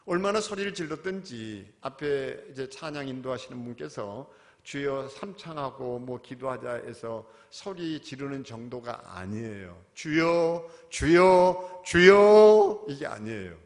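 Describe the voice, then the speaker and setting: Impassioned preacher in a reverberant church. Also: male voice, medium pitch, moderate pace. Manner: impassioned, swings from quiet to shouted cries. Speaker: pastor. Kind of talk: sermon. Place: church sanctuary. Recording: long reverb of a church hall.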